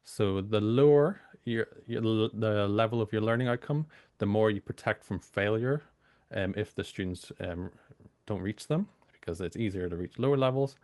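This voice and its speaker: A British university lecturer, a man a bit hoarse from a cold, giving an informal training talk full of fillers. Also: lowish voice, moderate pace, a little mellow, dry recording. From United Kingdom. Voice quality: gravelly.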